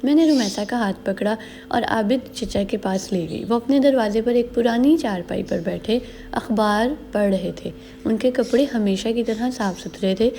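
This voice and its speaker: A woman narrating a first-person story in a measured, earnest way. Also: a little high, mellow, a little hiss or hum.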